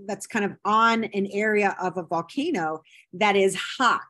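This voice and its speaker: A woman's voice: mid-range voice, moderate pace, fairly bright tone. A woman giving a recorded anthropology lecture over slides, explaining step by step with many ums and a habitual "right?". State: has the hiccups.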